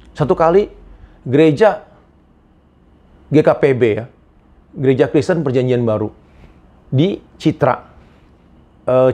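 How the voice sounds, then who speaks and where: A male pastor preaching a sermon, telling personal stories with big swings between loud emphasis and quiet asides. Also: medium pitch, dull audio. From Indonesia.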